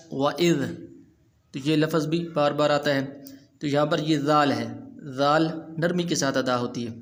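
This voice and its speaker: A man with a Pakistani Urdu accent teaching tajweed, chanting verses slowly and then explaining the rules in quick plain speech. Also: fairly high pitch. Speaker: Quran recitation teacher. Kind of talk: Quran tajweed lesson.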